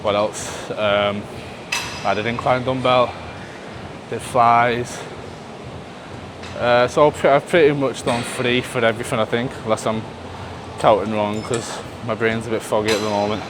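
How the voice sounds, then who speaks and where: A man's voice: mid-range voice, flat delivery, a little slow, noisy background. A man muttering casually and thinking aloud as he films a gym vlog. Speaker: fitness vlogger. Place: indoor gym.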